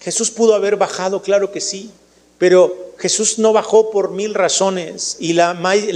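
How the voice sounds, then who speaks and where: A man's voice: sits high, long reverb tail. A man with a Mexican Spanish accent preaching a sermon, speaking directly to his congregation as family and often restarting his sentences. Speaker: pastor.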